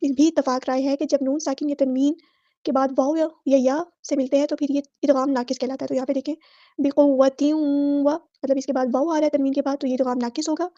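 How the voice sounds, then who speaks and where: A woman teaching Quran recitation rules. She explains each rule briskly in a methodical way, then recites the words slowly and draws out the vowels. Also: sits high, fairly even intonation, mellow, dry recording. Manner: methodical, repeating set phrases for every letter. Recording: dull lo-fi dry audio.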